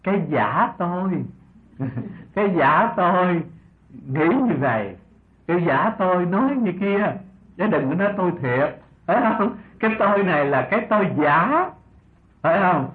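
An older man giving an unhurried Buddhist sermon as a monk teacher, often asking his listeners rhetorical questions and chuckling softly. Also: sits high, big pitch swings. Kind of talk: dharma talk sermon. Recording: tinny lo-fi old recording.

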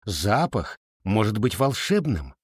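A man's voice: lowish voice, big pitch swings, slow pace, husky, dry recording, studio quality, full character voice. A man reading aloud, voicing a guarded, evasive older woman who owns a perfume shop in a storybook.

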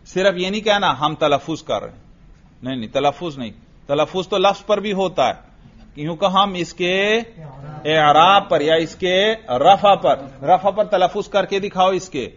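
A man's voice: high-pitched, a bit bright. Man teaching grammar on a dull recording. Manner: quizzes students and has them repeat. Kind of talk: classroom lecture with drilling questions.

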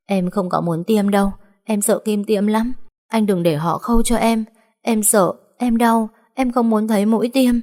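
A woman's voice: fairly low pitch, a little fast, darkish tone, natural voice. A woman voicing a frightened young woman who pleads in broken, sobbing speech. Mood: frightened pleading.

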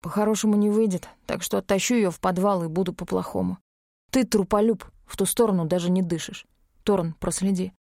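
A woman reading an audiobook, voicing a brash, foul-mouthed young male werewolf twin in a rough, quick voice. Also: medium pitch, fairly even intonation, dark tone, no echo, lightly acted. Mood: coaxing, urgent.

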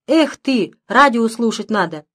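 A woman's voice: on the high side, animated, a little slow. A woman reading an audiobook, voicing an overjoyed young girl who calls out eagerly. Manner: shouting out eagerly.

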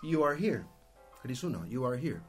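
A man's voice: mid-range voice, sing-song, measured pace, soft background music. A man hosting a radio English lesson, prompting his students in a playful, joking way. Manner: playful, prompting, laughs often. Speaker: radio English teacher and host. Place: radio studio.

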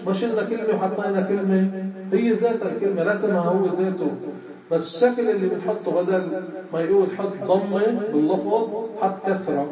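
A man with a Levantine Arabic accent teaching a religious lesson, explaining step by step and quizzing his students. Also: sits high. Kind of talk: classroom lesson on grammar and creed. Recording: echoey room from far off, muffled, crowd.

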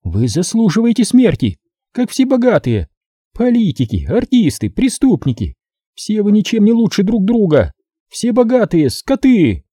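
A shrill, sadistic young woman kidnapper, as a man puts her on in an audiobook, taunting in a high, swooping voice. Her tone stays husky and dark underneath, recorded dry and close. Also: huge pitch swings, moderate pace, no room sound, exaggerated voice. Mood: hateful. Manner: shrill, gloating, hissing. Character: sadistic young female kidnapper, gloating fanatic. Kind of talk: audiobook character voice.

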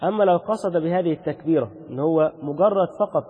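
A man's voice: a little high, fast talker. A man with an Egyptian Arabic accent teaching Islamic law. He explains each point, asks questions and then answers them himself. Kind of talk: religious lesson. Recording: dull lo-fi recording with long reverb.

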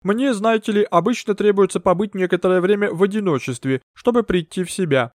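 A man's voice: high-pitched, brisk, no echo, clean studio sound, pitched above the performer's own voice, natural voice. A man voicing a theatrical female spirit medium who speaks in an affected, mysterious way. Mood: haughty.

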